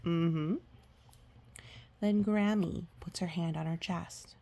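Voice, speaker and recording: Her voice husky, breathy and on the low side, a woman reads a picture book aloud to small children in a steady, slow tone. She mixes in chatty, gently explanatory asides and murmurs of agreement.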